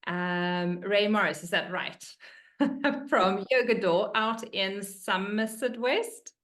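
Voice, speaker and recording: A woman's voice: medium pitch, slow, fairly bright tone. Bubbly woman hosting an interview. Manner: bubbly and informal, many fillers like "like" and "um". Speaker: interview host. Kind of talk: casual interview chat.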